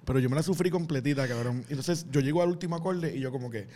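A man with a Puerto Rican accent, a stand-up comedian telling an animated, laughing story in casual chat. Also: medium pitch, fast. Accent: Puerto Rican Spanish. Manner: animated, laughing storyteller with lively voiced asides.

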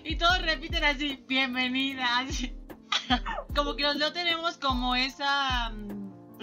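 A young woman with a Mexican accent, co-hosting a casual chat podcast, bubbly and quick to laugh. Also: on the high side, sharp tone. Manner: bubbly, laughs often, slangy filler "o sea". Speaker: podcast co-host.

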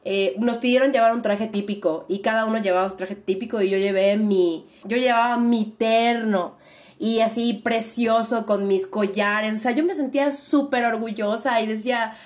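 A young Mexican woman with a Mexican accent, a guest in a casual interview, telling her story in an animated, reflective way and leaning on fillers. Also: on the high side.

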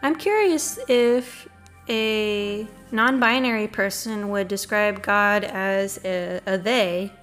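A woman's voice: medium pitch, takes it slowly, fairly bright tone, soft background music. A woman co-hosting a casual podcast discussion, thoughtful and musing, often murmuring agreement. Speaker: podcast co-host.

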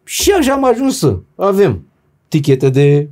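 Animated man telling blunt business stories. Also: on the high side. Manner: animated storyteller, blunt slangy speech, acts out dialogue. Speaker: business owner and professor, podcast guest. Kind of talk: casual conversational interview.

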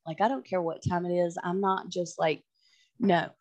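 A woman's voice: fairly low pitch, moderate pace, no echo. A young adult woman co-hosting a podcast in casual chat, telling stories with lots of swearing and acting out what people said. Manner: animated storyteller, swears freely, acts out quotes. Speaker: podcast co-host.

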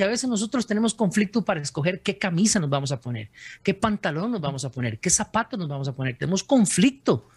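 A man's voice: sits high, husky, no room sound. A man, an author telling his faith story as an interview guest, earnest, with many restarts.

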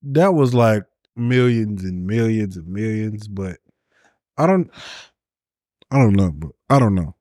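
A man's voice: lowish voice, lively intonation, measured pace, long pauses, darkish tone, no echo, clean studio sound. A man bantering casually, with blunt, slangy and profane remarks.

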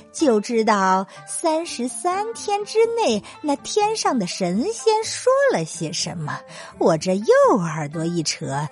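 A woman voicing a proud, hot-tempered male monkey king who snorts and scolds, in a children's story. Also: on the high side.

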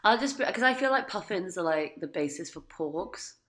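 A London woman talks with a low, bright, forceful voice, chatty and quick to laugh. Her voice echoes because she is in an oversized hotel suite. She co-hosts a casual film podcast. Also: animated. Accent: London English. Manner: chatty, lots of "like", laughs easily. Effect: echoey sound of a huge hotel suite. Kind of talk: casual chat. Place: large hotel suite indoors.

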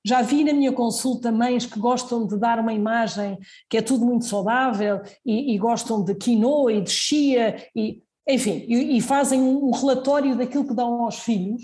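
In casual interview answers, a woman doctor appearing as a guest gives earnest advice with a European Portuguese accent, often restarting her sentences. Her voice is a little high and mellow, at normal speed with few pauses.

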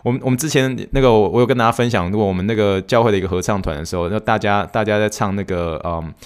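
Taiwanese man, middle-aged podcast host, low voice, rapid rambling delivery, casual solo chat. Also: clear, resonant tone. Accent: Taiwanese Mandarin. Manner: chatty, rambling storytelling with many restarts.

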